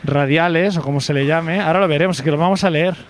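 Teasing co-host, slightly higher male voice, faint street sound, casual walk-and-talk. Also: fast, slight background noise. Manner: joking, teasing banter. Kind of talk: casual chat while walking. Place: outdoors in a hot city square.

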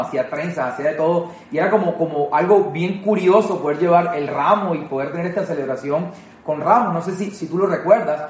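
High-voiced man preaching, echoey room. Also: slight background noise. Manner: conversational, emphatic, with repeated words and slow stressed phrases. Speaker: pastor. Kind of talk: online sermon.

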